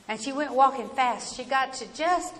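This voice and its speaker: A woman with an Appalachian accent telling a family story aloud in a folksy, dramatic, deliberate way. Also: high-pitched, fairly bright tone. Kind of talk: oral family storytelling, live performance. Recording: echoey hall with noticeable background noise.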